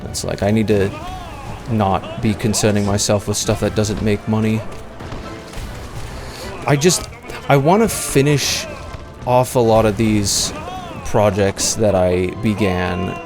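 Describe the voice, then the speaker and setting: A man's voice: lowish voice, little pitch movement, unhurried. A man, chatting casually and at length on a livestream, meandering with lots of fillers and restarts. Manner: meandering, self-deprecating, many fillers and restarts. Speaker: streamer. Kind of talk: casual rambling livestream chat. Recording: music playing clearly behind the voice.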